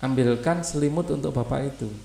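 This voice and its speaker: A man's voice: medium pitch, fairly quick, creaky, dark tone, reverberant. A male teacher, reading textbook passages aloud and explaining them in loose asides.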